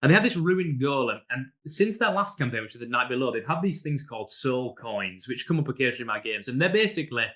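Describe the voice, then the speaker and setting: A man's voice: medium pitch, expressive, fast talker, hardly any pauses, fairly bright tone. A man running a tabletop game, casually recapping a session as a rambling storyteller full of fillers. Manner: mimics players in raised voice. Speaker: game master.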